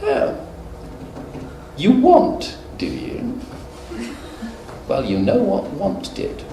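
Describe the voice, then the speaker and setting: A man's voice: wildly swooping pitch, extremely slow, mellow, faint music behind, heavily acted. A man doing a sing-song, mock-polite shopkeeper. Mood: sardonic. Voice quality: raised, sing-song pitch. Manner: mock-polite, exaggerated cheer. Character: overly chirpy, then snooty British shopkeeper. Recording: echoey hall, mic far off.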